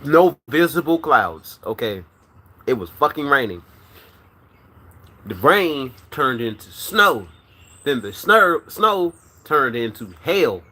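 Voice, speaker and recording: A man's voice: medium pitch, big pitch swings, slow, sharp tone. A man with a Virginia accent hosting a casual livestream, greeting chat by name and ranting loosely with lots of swearing, his speech a bit thick from a swollen wisdom tooth. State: swollen wisdom tooth, mouth not fully closing. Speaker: livestream host.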